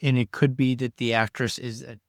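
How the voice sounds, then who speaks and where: A man's voice: mid-range voice, level tone, brisk, dry recording, clean studio sound. A man co-hosting a podcast, giving blunt, opinionated takes in casual chat. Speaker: podcast co-host.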